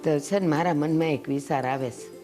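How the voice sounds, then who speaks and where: A woman's voice: deep voice, a little fast, lightly acted. An actress playing a protective elderly village mother, speaking bluntly with a Kathiawadi Gujarati accent. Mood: confiding. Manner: scolding, blunt. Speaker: actor. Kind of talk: village family drama acting. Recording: soft music under the voice.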